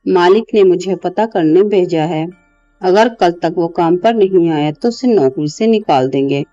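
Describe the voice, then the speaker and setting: A woman's voice: fairly low pitch, unhurried, dark tone, no echo, muffled recording, soft background music, close to an everyday voice. A woman playing a polite young male friend in a horror story. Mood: worried.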